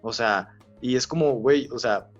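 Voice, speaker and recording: A man's voice: mid-range voice, normal speed. A young man with a Mexican accent co-hosting a podcast, rambling in slangy casual chat with many fillers. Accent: Mexican Spanish. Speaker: podcast co-host. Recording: slightly dull sound with faint music.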